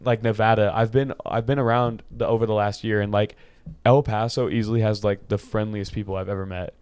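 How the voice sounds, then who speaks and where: A twenty-year-old man from California chats as a podcast guest. His voice sits slightly low and sounds smooth and clear. He rambles loosely, restarting sentences and dropping in filler. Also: little pitch movement, a little fast, a little mellow. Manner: loose, filler-heavy talk with many restarts and "bro". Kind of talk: casual chat.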